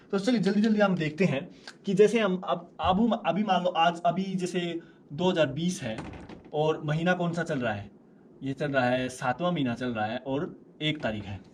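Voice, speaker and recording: A man teaching a language lesson in a casual way, slowly repeating words so learners can follow. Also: fairly high pitch, a little mellow, a little hiss or hum.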